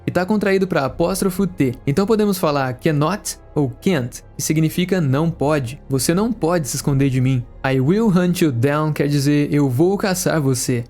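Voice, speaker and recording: A man gives an English lesson into a studio microphone, speaking in a slightly raised voice. He explains step by step and slowly repeats each phrase. Soft music plays behind him. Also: fairly high pitch. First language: Portuguese. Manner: slow, careful repetition of English phrases. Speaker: English teacher.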